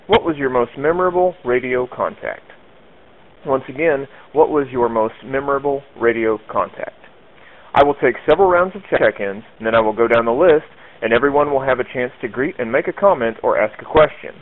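Man, net control operator, heard over a tinny radio link, methodical, mid pitch. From Arkansas. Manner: formal, methodical, spells call signs phonetically. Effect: heard over a narrow-band radio link. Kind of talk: amateur radio net procedure.

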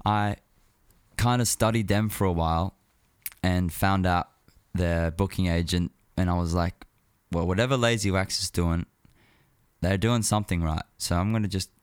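Deep-voiced man chatting casually about music. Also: steady tone, a little slow, clean tone, no echo. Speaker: music show host.

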